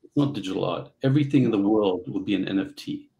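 A middle-aged man from Central Africa, telling his story as a guest on a video call, halting with many fillers. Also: fairly low pitch, vocal fry, dark tone, poor audio. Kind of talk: casual interview storytelling. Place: home office.

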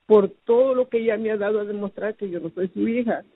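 A woman giving a personal testimony, recounting her past slowly and hesitantly, with many fillers and restarts. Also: mid-range voice, husky, no room sound. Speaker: testimony giver. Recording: phone-like, dry narrow sound.

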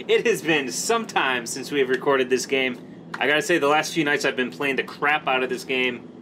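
Over footage of his own play, a man narrates with casual, slangy enthusiasm; his medium-pitched voice sounds pushed and bright. Noise can be heard under the voice.

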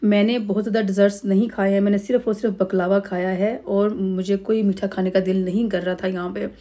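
Speaking over clips from a family holiday, this vlogger, a middle-aged woman from Pakistan, talks at a medium pitch. She meanders in a laid-back way, pausing often and leaning on filler words.

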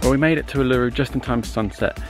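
Loud music nearly competes with this young adult's racing, medium-pitched voice as he vlogs his travels to a camera at arm's length. Filming outdoors among desert rocks and in a campervan, he stays relaxed and chatty, hesitating with loose fillers.

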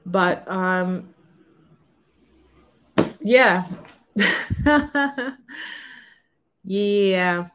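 A woman in her thirties talking frankly to camera in a casual, unhurried way from a small room. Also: low voice. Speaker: vlogger on renting. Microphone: camera in front of her.

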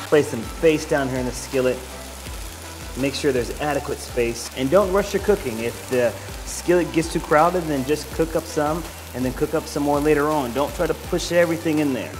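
A man's voice: mid-range voice, darkish tone. A man in his thirties hosting a cooking show, talking viewers through a recipe with easy enthusiasm. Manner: enthusiastic, encouraging, addresses viewers as guys. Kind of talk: upbeat cooking demonstration. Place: bright loft kitchen with brick wall, indoors.

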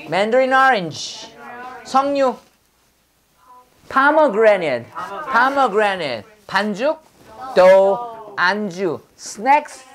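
A woman leads an English vocabulary drill lecture at an unhurried pace. She says each word again and again and has her students repeat it after her. Every so often she throws in a corny pun. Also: medium pitch. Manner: repeats words and prompts the class to echo them; drops in corny pun jokes.

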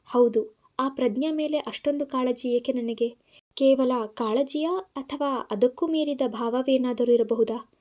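A woman's voice: a little high, warm tone. A woman narrating an audio story in Kannada-accented speech, voicing the characters' lines herself.

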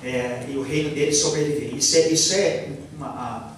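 A man interpreting a sermon phrase by phrase, with halting restarts and fillers, on a handheld mic in a church hall. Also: medium pitch, slight background noise. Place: large church hall, indoors. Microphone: handheld mic, filmed by far camera. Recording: echoey hall from far off.

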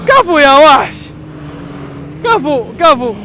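Excited high-voiced Gulf Arabic man, outdoors. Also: slow pace, slight background noise. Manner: shouting, cheering, teasing drivers. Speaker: channel host filming from the crowd. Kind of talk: excited live commentary on off-road driving. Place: outdoors at sand dunes.

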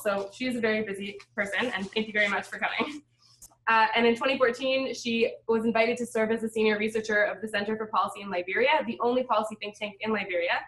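A woman's voice: mid-range voice, a bit bright, distant mic. A woman hosting a conference, reading a speaker's bio aloud, stumbling on a few words. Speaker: conference host. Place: lounge full of seated students. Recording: roomy sound.

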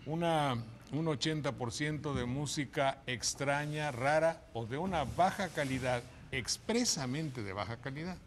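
A man's voice: a little high, animated, unhurried, slight background noise. An older man hosting a TV studio program, talking emphatically with many restarts on a lapel mic. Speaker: TV host. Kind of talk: opinionated studio chat. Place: TV studio set, indoors.

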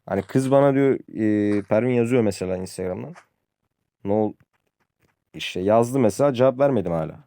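A man's voice: mid-range voice, lively intonation, fairly quick, warm tone. A young man giving casual gameplay commentary to his viewers, complaining at length about weak weapons and losing matches. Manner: frustrated, ranting about the game; addresses viewers as friends, says "abi" often. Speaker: gaming youtuber.

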